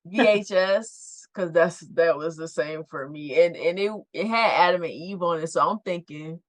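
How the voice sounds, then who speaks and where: A woman's voice: lowish voice, normal speed, no room sound. A woman in her thirties, a podcast co-host, chatting casually and making wry, laughing commentary. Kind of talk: casual chat.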